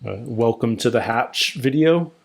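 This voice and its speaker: Hosting a reaction video, a man casually thinks aloud about a TV episode, dropping short asides and questions. His mid-range voice is unhurried with some vocal fry. Faint music from the show's soundtrack plays behind him.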